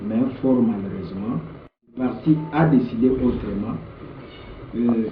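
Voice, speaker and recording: Speaking with a Congolese accent, a political leader from the Democratic Republic of the Congo answers an interviewer emphatically and repeats words. His voice is medium-pitched and a little slow, and the recording is echoey and muffled with faint background noise.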